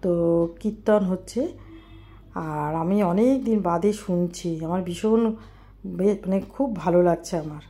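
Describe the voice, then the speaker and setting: A woman's voice: on the low side, normal speed, long pauses, mellow. A middle-aged woman, chatting casually to viewers in a home vlog. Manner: chatty, talks to viewers directly. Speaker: vlogger. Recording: roomy echo, faint ambient noise.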